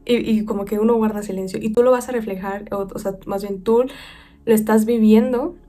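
A woman's voice: medium pitch, steady tone, a little fast. Chatty Mexican woman hosting a podcast. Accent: Mexican Spanish. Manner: chatty, warm-hearted advice with playful quoted voices. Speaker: podcast host. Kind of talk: casual self-care podcast monologue.

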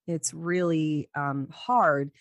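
A woman in her forties in casual chat, speaking haltingly and searching for her words. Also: low voice, fairly even intonation, no room sound. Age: 40s.

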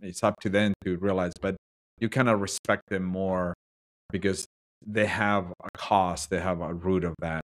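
A man's voice: deep voice, fairly even intonation, normal speed. A man hosting an interview, speaking earnestly and agreeably while sharing his own story. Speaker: podcast host. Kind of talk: conversational interview.

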